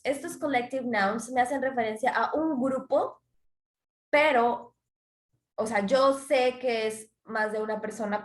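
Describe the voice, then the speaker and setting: A woman teaching an English grammar class, explaining step by step and switching between Spanish and English examples. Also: a little high. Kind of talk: online class lesson. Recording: roomy echo.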